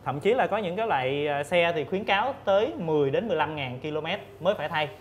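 A man in his thirties, a guest expert on a studio panel, explaining methodically with frequent pauses and fillers, on a lapel mic. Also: a little high, lively intonation, slight background noise. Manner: measured, explains step by step with many fillers. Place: indoor TV studio set.

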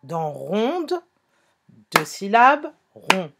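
A woman's voice: lowish voice, lively intonation, slow, heavy background noise. A woman teaching a phonics lesson to young children, speaking patiently, repeating herself and correcting small slips.

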